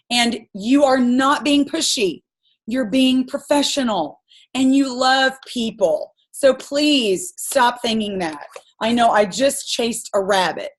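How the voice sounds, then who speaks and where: A woman coaching her sales team on a group call, giving an impassioned, rambling pep talk full of stories. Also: on the high side.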